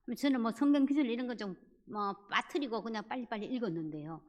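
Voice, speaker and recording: A woman's voice: fairly high pitch, fast talker. A middle-aged woman giving an evangelism talk at a church, telling stories and acting out the dialogue and prayers. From Korea. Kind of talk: testimony-style evangelism talk. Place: church sanctuary. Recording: church hall with long reverb.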